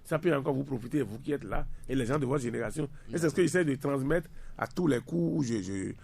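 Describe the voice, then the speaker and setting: Speaking at a quick clip, this man in his fifties has a medium-pitched, gravelly, darkish voice with a slightly rough quality. He's a university lecturer guesting on a radio discussion, pressing his points emphatically and repeating words to drive them home.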